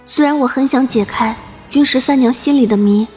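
A woman playing a wistful, lovestruck young former princess musing softly in an audio drama. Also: high voice, fairly quick, faint music behind, lightly acted. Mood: wary. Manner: soft, reflective inner monologue.

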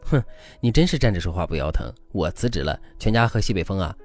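A man's voice: low voice, expressive, fast, a little mellow. A man voicing an overworked, irritable husband who grumbles in sarcastic outbursts, over faint music.

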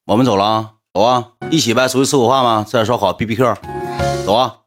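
A man playing a heavyset drunk guy, Northeastern Mandarin accent, low and wheedling, overfamiliar. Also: steady tone, quick pace, music in the background, close to an everyday voice. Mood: coaxing. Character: big heavy drunk man, pushy and coaxing.

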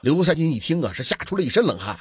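A man tells an old folk tale in a lively, chatty storyteller's manner, his pitch moving freely. His voice is very husky and breathy. The recording is close and dry. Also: rapid-fire, no room sound.

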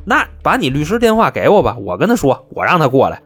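A smooth-talking police negotiator, as a male storyteller puts him on, soothing and wheedling. His husky voice moves lively over a wide range, with quiet music underneath. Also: a little high, quick pace, voice pushed up, full character voice. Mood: placating.

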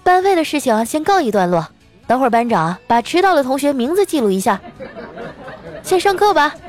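Woman doing an angry teacher, high and shouty, very up-and-down. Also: sing-song, fairly quick, soft background music, some chatter behind. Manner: stern, scolding. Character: angry school homeroom teacher.

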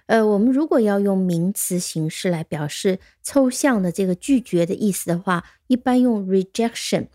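A woman's voice: medium pitch, animated, normal speed, few pauses, dark tone. A woman teaching English vocabulary, patiently explaining words and spelling them out letter by letter. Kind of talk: vocabulary lesson.

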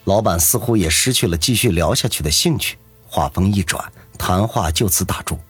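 Low, husky male storyteller. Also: lively intonation, normal speed, a bit bright, no echo, soft background music. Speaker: audiobook narrator. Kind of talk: serialized novel narration.

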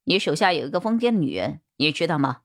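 A woman voicing a stern police detective who questions firmly and briskly. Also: low-pitched, big pitch swings.

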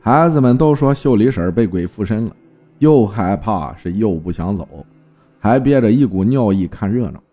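Expressive male storyteller, mellow tone. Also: lowish voice, moderate pace, soft background music. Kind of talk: spoken folk ghost story narration.

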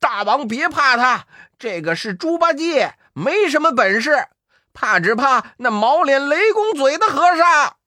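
A storyteller voicing a cunning little demon vanguard who talks quickly and schemes. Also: mid-range voice, sing-song, fairly bright tone, slightly rough, dry recording, studio quality, heavily acted. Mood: alarmed. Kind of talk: storybook character voice.

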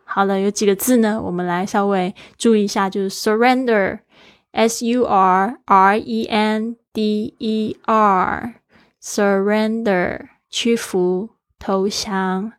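A woman's voice: mid-range voice, steady tone, takes it slowly, no room sound, studio quality. A woman teaching a daily English lesson, spelling words letter by letter in an encouraging way.

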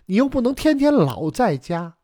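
A male storyteller voicing a gentle but insistent young wife who coaxes her husband in a raised, sing-song voice. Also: very animated, moderate pace, no room sound, clean studio sound, exaggerated voice. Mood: pleading. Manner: coaxing, high and sing-song.

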